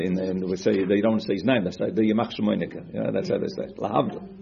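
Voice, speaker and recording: A man's voice: on the low side, gravelly, dark tone, highs cut off, a little hiss or hum. A man teaching a Torah class, asking questions and quoting Hebrew sources as he explains them.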